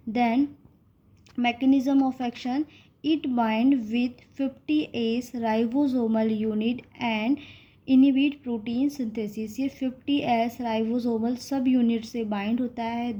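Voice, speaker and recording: Indian woman teaching pharmacy, reads slow then explains in hindi, mellow voice, dull lo-fi sound. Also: on the high side. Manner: reads English points slowly, then explains quickly in Hindi. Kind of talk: classroom lecture. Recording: dull lo-fi audio.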